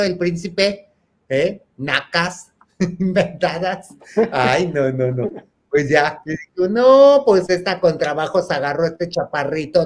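A man with a Mexican accent hosting a show, telling a comic gossipy party story and addressing listeners as sisters. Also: a little high. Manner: acts out friends' voices in quotes. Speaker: host.

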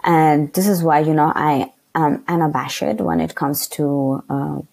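In a relaxed interview, a young Afghan woman with a low, husky voice speaks candidly and unhurriedly as the guest. Frank, outspoken, and unabashed, she keeps a conversational tone but often hesitates with fillers while searching for the right word.

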